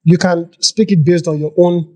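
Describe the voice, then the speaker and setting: A man's voice: sits high, steady tone, normal speed, mellow. A man hosting a podcast interview, thoughtful and a little hesitant, repeating words as he gathers his thoughts. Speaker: podcast host.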